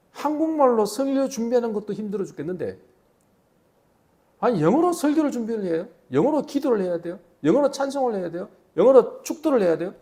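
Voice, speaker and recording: A middle-aged man preaching a sermon as pastor, telling stories with many rhetorical questions in a church. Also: high voice. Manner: animated storytelling, rhetorical questions. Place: church sanctuary.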